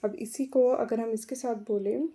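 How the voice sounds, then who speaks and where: A woman teaching Arabic letter names in a patient, slow phonics lesson, repeating each letter and mixing in English words. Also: a little high, steady tone, warm tone. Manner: mixes English words into explanation.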